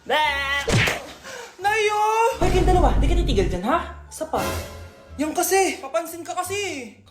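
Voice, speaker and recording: A woman's voice: extremely high pitch, big pitch swings, moderate pace, over music. A woman performing comedy skits, playfully switching between character voices. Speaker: comedy skit creator. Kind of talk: comedy skit acting.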